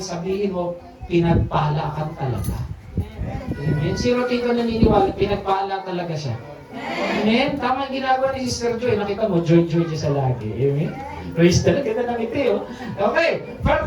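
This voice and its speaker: A Filipino woman with a voice on the high side preaches a Tagalog sermon at a church service, using lively call-and-response and often asking "Amen?" of the congregation. The recording is noisy and echoey, captured far from the mic in a large church hall.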